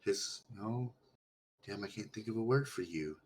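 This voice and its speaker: A man's voice: fairly low pitch, expressive, unhurried, a little mellow, slight background noise. A man running a tabletop role-playing game as game master, improvising narration into a clipping mic.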